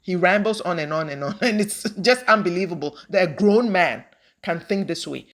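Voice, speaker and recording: A woman from Ghana hosts a reaction commentary in a fairly low voice. She sounds exasperated and keeps breaking into scornful little laughs between her points. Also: animated, normal speed. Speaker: commentary channel host.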